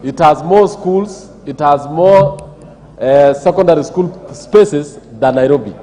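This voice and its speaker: Big reverberant hall, Kenyan male committee chair, soft mellow tone, formal debate. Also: fairly high pitch, unhurried. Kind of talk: parliamentary floor debate. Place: large parliamentary chamber.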